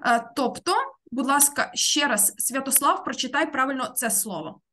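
A woman teaching an online language class, explaining slowly and carefully, word by word, over a computer mic. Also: sits high, sharp tone. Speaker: Spanish teacher.

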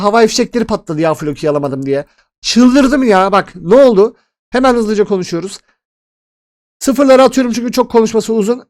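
A man hosting a casual crypto chart analysis, chatty and excitable, talking straight to his viewers. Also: sits high. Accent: Turkish. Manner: excitable, chatty, addresses viewers as friends and 'abi'.

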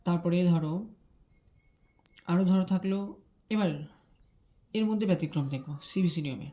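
A woman teaching English grammar, explaining rules quickly and repeating key terms to check that students follow. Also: fairly low pitch, mellow.

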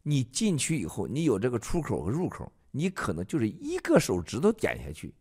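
A man's voice: mid-range voice, wildly swooping pitch, brisk, darkish tone, slightly rough. A man hosting a political livestream, ranting and mocking with emphatic delivery. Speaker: livestream host.

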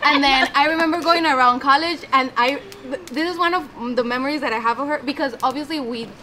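Speaking quickly in a high voice with a Colombian Spanish accent, a friend raises a heartfelt toast at an outdoor pool party, reaching for English words and talking with her hands. Guests' chatter and laughter fill the background.

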